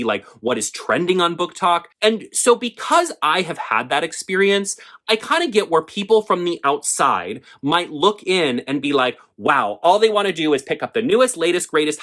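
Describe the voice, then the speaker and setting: Sassy, animated young man ranting. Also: a little high. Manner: sassy, animated, talks fast with lots of "like" and rhetorical questions. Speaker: book vlogger. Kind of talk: opinionated casual vlog rant.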